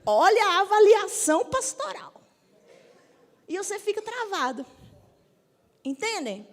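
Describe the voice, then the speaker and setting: A woman's voice: very high-pitched, very animated, unhurried. A woman in her fifties, a Methodist bishop, preaching directly and often asking the audience if they agree. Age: 50s. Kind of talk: sermon. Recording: long hall reverb.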